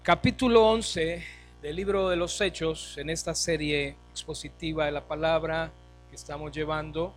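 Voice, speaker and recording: A man, a pastor, leading a church service, reading scripture aloud to the congregation in a solemn, measured way and praying. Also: fairly high pitch, fairly even intonation, soft background music. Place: church sanctuary.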